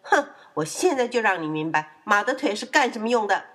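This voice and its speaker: A woman voicing a stern, angry mother horse in a children's storybook, speaking quickly and threateningly. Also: medium pitch, very animated, fairly bright tone.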